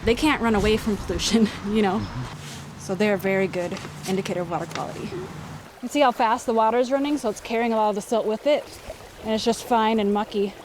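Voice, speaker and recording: A young water quality specialist explains things beside a creek for a field interview, eager and enthusiastic, laughing lightly. Her medium-pitched voice is fast with a darkish tone. It's an outdoor field recording with noise and outdoor ambience.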